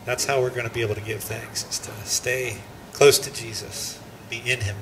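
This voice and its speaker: A man in church urging listeners to give thanks, speaking slowly and earnestly with some hesitation. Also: mid-range voice, fairly even intonation, far from the mic, noisy background. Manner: slow and earnest, with filler uhs. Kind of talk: church exhortation. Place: church sanctuary. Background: worship music.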